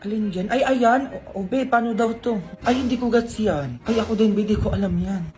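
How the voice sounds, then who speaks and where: A man's voice: high-pitched, brisk. A man performing comic skits, bantering in a playful, sassy and teasing way. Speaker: comedy skit creator. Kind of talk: comedic skit acting, casual banter.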